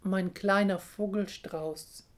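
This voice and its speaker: A woman reading a storybook, voicing a large, caring mother ostrich who coaxes her chick softly. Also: medium pitch, fairly even intonation, slow pace, lightly acted. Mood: tender. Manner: soothing, coaxing.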